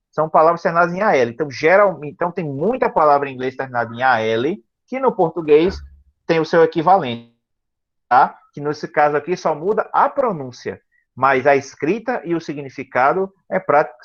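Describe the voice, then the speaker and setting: A tired male teacher explaining vocabulary to a class over a video call, patient and slow, often checking that students follow. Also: fairly high pitch, muffled recording. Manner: patient, repeats words slowly and checks understanding often. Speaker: English teacher.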